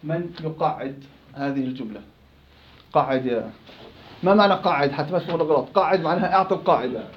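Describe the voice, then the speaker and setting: A man's voice: fairly high pitch, quick pace, echoey room, dull audio, slight background noise. A man with a Levantine Arabic accent teaching Quran recitation rules in an interactive class, questioning and prompting his students.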